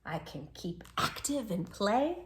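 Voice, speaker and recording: A woman speaks as a brave, sweet little boy dachshund narrating his own storybook adventure, leaning into earnest drama for a children's read-aloud. Her medium-pitched voice is slow and sing-song, with a plucky, reassuring feel.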